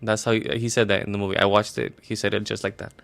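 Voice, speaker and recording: A man casually retelling a story in a rambling, profane, deadpan way, as a comedy bit. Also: on the low side, fast, creaky.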